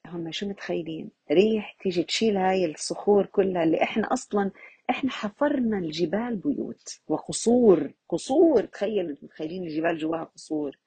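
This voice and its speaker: A woman's voice: lowish voice, lively intonation, fast, dark tone, slightly rough, dry recording. A woman gives an informal Quran reflection lesson, talking conversationally and asking her listeners rhetorical questions. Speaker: religious teacher.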